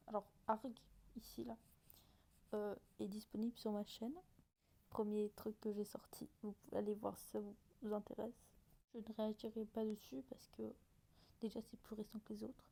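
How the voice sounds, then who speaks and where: A woman's voice: medium pitch, dark tone. A woman chatting casually and hesitantly as she reacts to her own old videos, often mocking herself.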